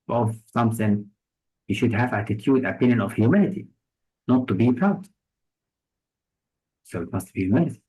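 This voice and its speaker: A man's voice: mid-range voice, a little mellow, rough recording. A man teaching English vocabulary for test prep with an Egyptian accent, patiently explaining each word through examples and synonyms.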